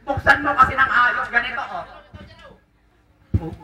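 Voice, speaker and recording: A man with a high-pitched, lively voice talks fairly quickly over a crowd, working as a clown hosting a game at a children's birthday party. He teases and jokes with a child and laughs often. The sound is roomy and distant, picked up by a handheld mic and recorded by a far-off camera.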